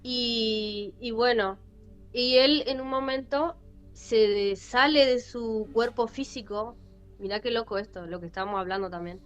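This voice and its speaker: Animated Rioplatense woman telling a story. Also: a little high, unhurried. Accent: Rioplatense Spanish. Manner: animated, repetitive, with many fillers. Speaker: podcast host. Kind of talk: casual storytelling. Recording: lo-fi with faint music.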